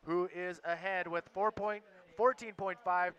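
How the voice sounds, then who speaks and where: A man's voice: high-pitched, fairly even intonation, unhurried, a bit bright, highs cut off. A man commentating live on a surf contest as its announcer, in a laid-back surfer style. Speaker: sports event announcer and commentator.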